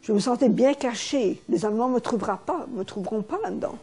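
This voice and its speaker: A woman's voice: on the high side, fairly quick, dark tone. An older woman recalling feeling safe while hidden as a child, repeating key words. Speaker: interviewee, former hidden child. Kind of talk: recalled testimony.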